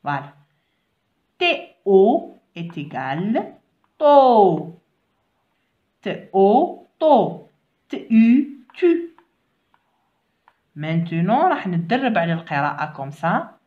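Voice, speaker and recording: Slow woman teacher spelling syllables. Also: mid-range voice, sing-song, muffled recording. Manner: slow, drawn-out syllables, mixing French with Algerian Arabic asides. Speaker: primary school French teacher. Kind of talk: reading lesson, spelling out syllables.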